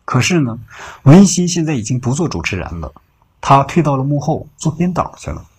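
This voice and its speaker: Man, very husky voice, mid pitch, unhurried late-night storytelling, casual filler words. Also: big pitch swings. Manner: unhurried, conversational telling with filler particles.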